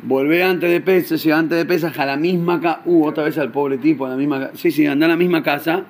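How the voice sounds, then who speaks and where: A man with a Rioplatense accent tells a religious story with lively, animated delivery, slipping into the voices of his characters. His voice sits a little higher than most men's. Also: a little fast, slight background noise. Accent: Rioplatense Spanish. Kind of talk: storytelling sermon.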